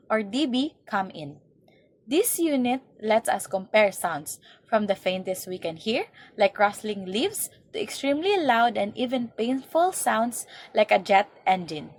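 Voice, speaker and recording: Young-sounding woman presenter, animated reading, slightly high voice. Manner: reads points then explains them, occasional slips. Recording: faint background noise.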